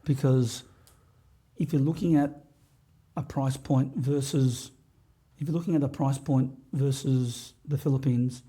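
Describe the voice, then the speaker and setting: A man with a very mellow, dark voice and a husky edge talks as a guest on a podcast. He is earnest and halting, often restarting his sentences as he thinks aloud. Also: medium pitch, fairly even intonation. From Australia. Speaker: podcast guest, business owner. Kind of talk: candid interview talk.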